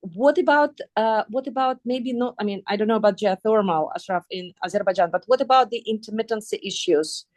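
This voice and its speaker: A woman's voice: mid-range voice, fairly quick, few pauses, a little mellow, no echo. A woman from Kazakhstan moderating a webinar panel over a video call, thinking aloud with many ums and repeated words.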